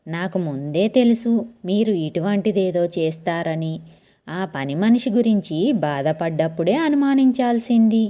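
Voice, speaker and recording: A woman voicing a quick-tempered, jealous young wife who talks in a snappy, raised voice. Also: medium pitch, mellow, close to an everyday voice. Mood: wailing.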